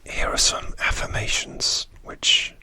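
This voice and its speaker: A person whispering a gentle ASMR pep talk, confiding and a little hesitant, close to the microphone. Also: takes it slowly. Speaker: ASMR video host.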